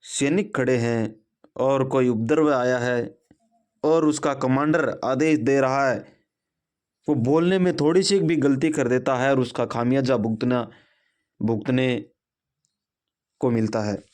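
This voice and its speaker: A man's voice: medium pitch, slow pace, pauses often, darkish tone. A man teaching a Hindi grammar lesson, explaining step by step with example sentences. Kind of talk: classroom lesson.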